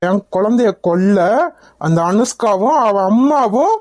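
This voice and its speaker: A woman's voice: mid-range voice, lively intonation, a little slow, darkish tone. A woman voicing a hot-tempered young husband in a cartoon, harshly interrogating his wife. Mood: furious. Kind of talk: Tamil cartoon voice acting.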